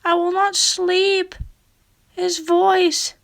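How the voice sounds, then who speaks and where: A woman voicing a terrified, sleepless journal writer in a slow, creaky put-on reading voice. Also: very high-pitched, little pitch movement, pitched above the performer's own voice, full character voice. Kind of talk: dramatic reading voice.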